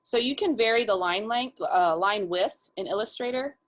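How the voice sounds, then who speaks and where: A woman with a mid-range voice, talking at normal speed, appears as an illustrator guest in a casual interview. She walks through her process step by step in informal language.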